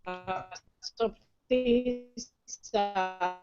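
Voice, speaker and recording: A woman, a course mentor, introducing herself on a group call from a hotel room, her audio breaking up and glitching as she speaks haltingly. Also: mid-range voice, dull audio, loud music behind the voice. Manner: halting, hesitant speech.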